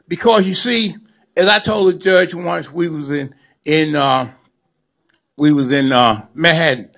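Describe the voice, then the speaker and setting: A lawyer and community activist in his seventies addresses a gathering in a preacherly style, repeating phrases for emphasis. His voice is fairly high, creaky and fairly bright.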